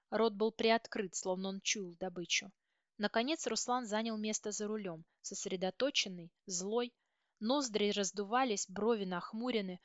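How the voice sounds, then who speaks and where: A woman narrating a first-person story as an audiobook reader, steady and dramatic. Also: medium pitch, no echo. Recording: dull, dry audiobook recording.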